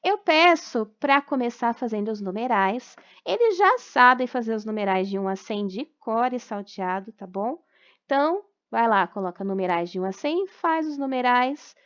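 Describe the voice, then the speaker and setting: A Brazilian woman, a primary school teacher, patiently walks parents through homework answers, checking in often and spelling out words slowly syllable by syllable. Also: fairly high pitch, animated, fairly bright tone, dull audio. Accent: Brazilian Portuguese. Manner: patient, explanatory, frequent check-ins, slow syllable-by-syllable dictation. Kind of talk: recorded lesson correction for parents. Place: at home during quarantine.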